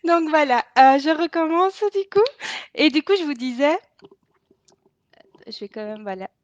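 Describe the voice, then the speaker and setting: Her voice is high with lively intonation, a bit slow, and there's no echo. She's a laughter yoga host from Belgium running a casual live stream, hesitant, restarting often, using many fillers, and laughing a lot. An added microphone gives the audio a dull, lo-fi quality.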